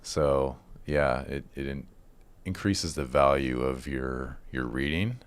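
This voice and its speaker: A man's voice: a bass voice, takes it slowly, clear, resonant tone, no room sound. A man speaking as a podcast guest, chatting informally and often saying "like" and "you know". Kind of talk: casual interview chat.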